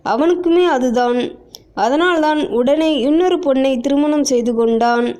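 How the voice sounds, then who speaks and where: Woman reading a calm earnest young man. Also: high voice.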